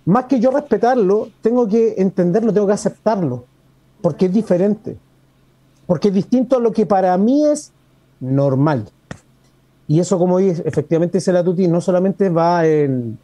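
A Chilean man co-hosting a radio talk show, his voice pitched high but mellow and soft-edged. He rambles casually, mixing earnest points with jokes and local slang. The sound is close and dry. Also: no echo. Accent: Chilean Spanish. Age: adult parent. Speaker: radio co-host.

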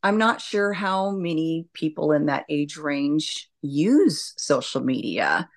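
Low-pitched woman, reflective interview guest. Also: expressive, takes it slowly. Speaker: hospice nurse and educator, interview guest. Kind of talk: conversational interview answers.

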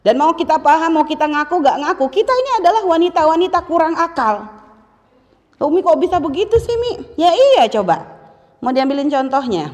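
A middle-aged woman preaches to women in a high, lively voice. She teases her listeners and acts out the voices she quotes. The sound rings with a long hall reverb. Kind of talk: religious talk to women.

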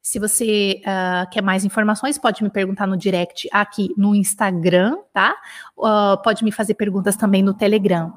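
A woman in her thirties from Brazil, a French teacher leading a live dictation lesson, lively, spelling out words slowly and repeating them. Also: mid-range voice.

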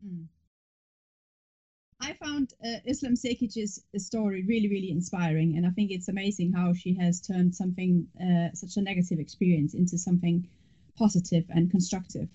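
Discussion participant: woman, slightly low, very soft dark timbre, reflective, dull audio. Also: fairly even intonation, moderate pace.

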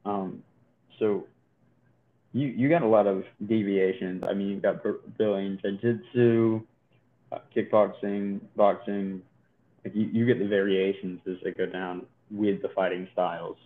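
A man's voice: fairly low pitch, steady tone, unhurried. A man co-hosting a casual podcast, joking around and rambling with frequent restarts. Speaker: podcast co-host. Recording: tinny phone-like sound.

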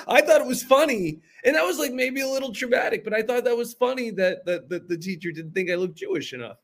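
A man's voice: extremely high pitch, expressive, fairly quick. A man, a comedian guest on a podcast, telling stories in a rambling way with many restarts. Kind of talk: casual podcast storytelling.

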